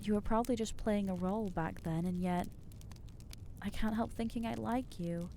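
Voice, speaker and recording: In an ASMR roleplay, a woman voices an anxious, self-loathing young female vampire, speaking hesitantly in a mid-range, dark voice at a moderate pace. The acting is light; she puts herself down and trails off, with slight background noise present.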